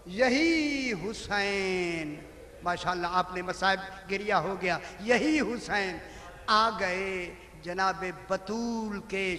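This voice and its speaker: High-voiced man lamenting in echoey hall. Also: bright, forceful tone, a little hiss or hum. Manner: lamenting, with drawn-out cries of grief. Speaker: religious orator at a mourning gathering. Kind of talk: sermon with mourning recitation. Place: large hall at a mourning gathering. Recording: echoey hall with long reverb.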